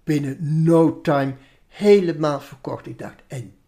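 Woman illustrator, reflective interview talk, lowish voice. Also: measured pace, dark tone. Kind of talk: interview conversation.

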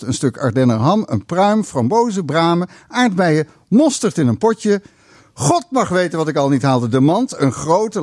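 A man reading a literary story aloud on a radio show, expressive, booming when he voices a stern uncle. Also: dry recording, clean studio sound. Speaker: guest reader on a radio show.

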